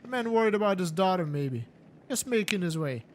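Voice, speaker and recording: A man's voice: sits high, animated, fairly quick. A man voicing a sly, mocking male warlord in a story-driven game, speaking in a theatrical manner.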